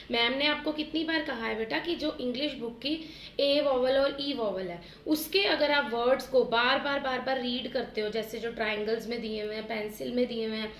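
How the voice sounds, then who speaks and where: A woman teacher walks small children through rhyming words, stretching each one out slowly and having them repeat after her. Her voice sits high and bright. It rings in an echoey room. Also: animated, a little hiss or hum. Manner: slow, drawn-out word drills addressed to children as "beta". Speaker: primary school teacher. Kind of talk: online phonics lesson for young children.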